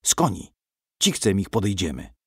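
A man voicing a cautious male farmhand who speaks in a hushed way. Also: low voice, very animated, normal speed, slightly rough, no room sound, clean studio sound, exaggerated voice.

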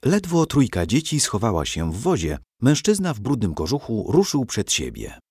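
A man reading a children's adventure audiobook aloud with expressive storytelling. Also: mid-range voice, moderate pace, breathy edge, no room sound, studio quality. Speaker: narrator.

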